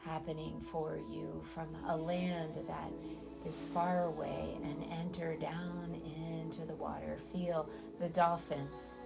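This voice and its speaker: A woman with a low voice, gravelly fry at its edges, guides a meditation in a flat delivery. She speaks very slowly and soothingly, drawing out phrases and leaving long pauses between them. Loud music sits under her voice.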